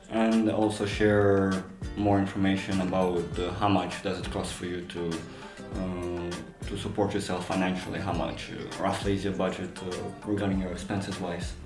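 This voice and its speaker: A man interviewing someone, asking long questions in a hesitant, wordy and roundabout way. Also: sits low. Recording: roomy echo, music behind.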